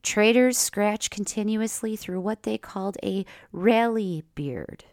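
A woman hosting a personal storytelling podcast, with a creaky, wavering voice that wanders in pitch and goes in and out. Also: slow pace, a little mellow, no echo, clean studio sound. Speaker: podcast host.

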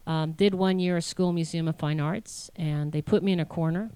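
Low-voiced chatty woman artist. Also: steady tone, moderate pace, dark tone, clear, resonant tone. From born in Washington, D.C., raised in Connecticut and Virginia. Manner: chatty storyteller, many fillers and restarts. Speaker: professional artist, interview guest. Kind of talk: casual interview conversation.

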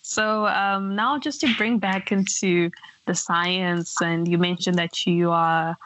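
A woman's voice: lowish voice, fairly even intonation, slow, a bit bright, a little hiss or hum, rough recording. A woman hosting a podcast interview, upbeat and encouraging with her guest. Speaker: podcast host.

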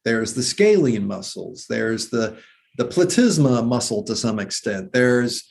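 A man's voice: medium pitch, sing-song, a little slow, gravelly, darkish tone. A man who once taught anatomy, explaining muscles and breathing in a casual conversation with enthusiasm. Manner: enthusiastic, detail-heavy, lists muscle names. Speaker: former anatomy teacher, guest.

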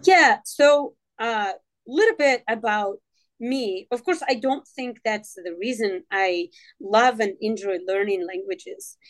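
Moroccan-born woman guest, Tamazight first language, halting with lots of ums. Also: medium pitch. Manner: hesitant, many fillers and restarts. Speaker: podcast guest. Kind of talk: casual interview talk.

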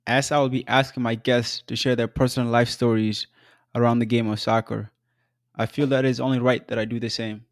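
A man in his twenties from South Sudan, hosting his own podcast in an earnest, measured solo narration with occasional fillers. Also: medium pitch, level tone, faint music behind. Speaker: podcast host.

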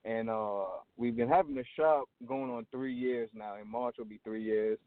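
A man's voice: mid-range voice, normal speed, no room sound. A man from Trinidad talks about his barbershop in an easygoing, rambling way, full of "you know" and "like." He calls in over a thin, tinny phone line. The sound is dry and close, with no room around his voice. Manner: relaxed, rambling with many fillers. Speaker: barbershop owner, guest. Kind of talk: casual interview chat.

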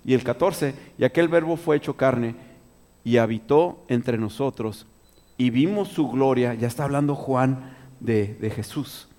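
Unhurried and dark in tone, a mid-range male voice leads a Bible study sermon in a large, open-sounding room. He keeps it conversational, reading verses aloud, repeating and restarting phrases, and questioning his listeners as he goes.

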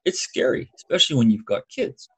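A man's voice: on the high side, huge pitch swings, fairly quick, vocal fry, a bit bright, slightly rough, poor audio. A middle-aged man co-hosting a podcast in a casual, slightly hesitant way, as if thinking aloud. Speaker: podcast co-host. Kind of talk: casual chat.

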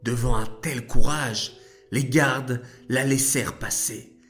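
A man narrating a children's story in a slow, deliberate storytelling voice. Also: medium pitch, steady tone, a bit bright. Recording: faint background music.

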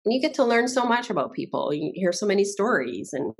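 A woman's voice: mid-range voice, big pitch swings, brisk, husky. A woman from Barbados, a guest chatting casually in an interview and laughing often.

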